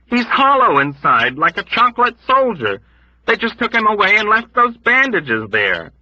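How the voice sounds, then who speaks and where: High, screaming frantic soldier voiced by a man, loud and sharp, dull lo-fi sound; panicked patient. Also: huge pitch swings, normal speed, no echo, exaggerated voice. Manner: screaming, emphatic. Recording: dull lo-fi recording.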